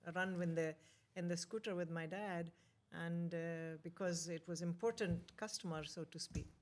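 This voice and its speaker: Low-pitched Indian-accented woman, emphatic and repetitive. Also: steady tone, moderate pace, a little mellow, slight background noise. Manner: emphatic, repeats words and short phrases. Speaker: interview guest, author. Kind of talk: reminiscing in a conversational interview.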